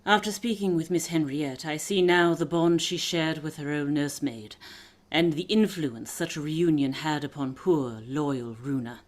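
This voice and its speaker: A woman playing a shrewd, composed aristocratic lady detective in a period mystery radio drama, measured and authoritative. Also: deep voice, natural voice. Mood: solemn. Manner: measured, authoritative, deliberate explaining.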